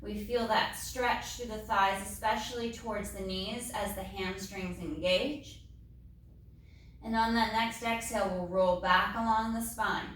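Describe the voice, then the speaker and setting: A woman leading a Pilates mat class, calmly cueing each movement step by step. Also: medium pitch, slight background noise. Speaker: Pilates instructor. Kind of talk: guided exercise class. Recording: very echoey room, mic far off.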